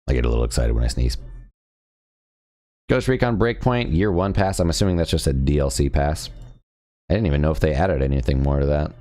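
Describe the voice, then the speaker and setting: Casting: young adult male host, extremely low voice, casual rambling live-stream chatter. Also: warm tone.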